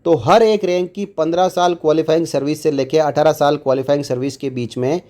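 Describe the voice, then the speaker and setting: A man's voice: a little high, steady tone, fairly quick, mellow. A man explaining pension tables to viewers, reading figures off a table in an indignant tone. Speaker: news commentator.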